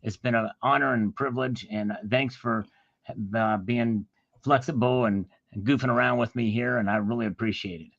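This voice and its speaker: A man with a gravelly, bright-toned voice, talking as a guest on a relaxed livestream. He hesitates often and stops to search for the right word. The recording is dry and a bit dull, like lo-fi stream audio. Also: medium pitch, moderate pace, dry recording. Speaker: guest YouTuber. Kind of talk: casual livestream chat.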